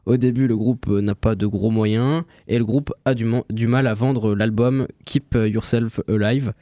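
A young man presenting a music history segment on the radio, halting and full of fillers. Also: fairly low pitch, fairly even intonation, warm tone, dry recording. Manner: halting, many fillers and restarts. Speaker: radio columnist. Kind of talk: reading a history segment on air.

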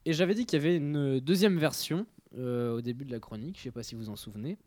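A young man reads through his radio chronicle in a casual, halting way, peppering it with fillers and restarts. His voice sits at a middle pitch, and it is recorded close and dry with no room sound. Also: a little mellow, no room sound. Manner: hesitant, many fillers. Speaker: radio show columnist.

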